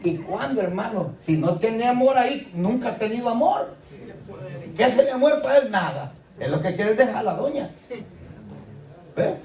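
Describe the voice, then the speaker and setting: A man's voice: very high-pitched, animated, moderate pace, a little mellow. A man preaching a sermon in a conversational way, often asking the congregation rhetorical questions. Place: church. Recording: echoey hall, voice from a distance. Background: faint ambience, congregation responses.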